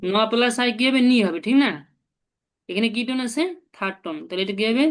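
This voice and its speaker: A woman's voice: fairly high pitch, quick pace. A woman, teaching a language lesson and patiently explaining each step. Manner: patient, explains step by step and asks the learner to repeat.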